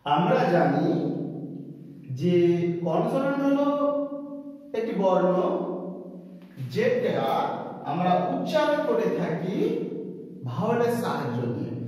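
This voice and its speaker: A man teaches a grammar lesson in a slow, deliberate way, pausing as he goes. His voice sits high for a man. He is far from the mic, and a long, roomy echo hangs on every word. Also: very animated, a little mellow. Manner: slow, deliberate explaining with pauses. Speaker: English teacher. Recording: echoey room from far off.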